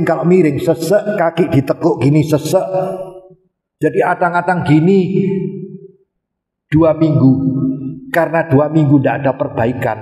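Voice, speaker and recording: Hoarse-edged man in echoing hall. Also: a little high. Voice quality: sometimes hoarse from a tracheostomy. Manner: animated storytelling, acts out nurses' voices. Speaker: doctor giving a religious talk. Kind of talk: storytelling talk to a congregation. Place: mosque hall. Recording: echoey hall reverb.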